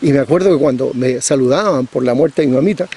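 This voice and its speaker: A man's voice: medium pitch, quick pace, dark tone, breathy edge. A middle-aged man preaching a sermon, pressing his points with repetition and rhetorical questions.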